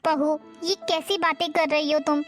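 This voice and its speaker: A woman's voice: high-pitched, little pitch movement, normal speed, faint music behind, lightly acted. A woman voicing a hurt elderly mother-in-law.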